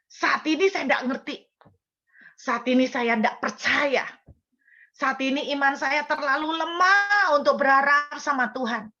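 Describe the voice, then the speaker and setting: A woman pastor preaches in Indonesian with a Javanese lilt, earnest and turning often to the congregation. Her voice is bright and forceful. The recording sounds dull and lo-fi. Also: high voice, measured pace. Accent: Javanese-inflected Indonesian. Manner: earnest, addresses congregation often, rises to emotional intensity. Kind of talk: sermon testimony. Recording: dull lo-fi sermon audio.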